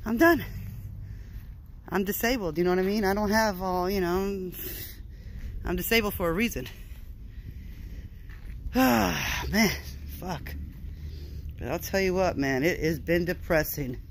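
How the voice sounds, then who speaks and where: Brief: high-voiced male vlogger, worn-out and fed up, cursing and sighing outdoors, faint hiss behind him. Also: rough recording. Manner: weary, frustrated, sighing, profane, drawn-out phrases. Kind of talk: casual vlog talk. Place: outdoors on a short walk.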